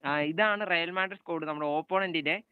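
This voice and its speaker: A young man with a Malayali accent chats his way through a live football game stream, calling out passes and welcoming viewers one by one. His voice sits high and clear, with a crisp, smooth tone. The sound is dry and close, with no room around it. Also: a little fast, dry recording, phone-quality sound. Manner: chatty, calls out passes and greets viewers by name.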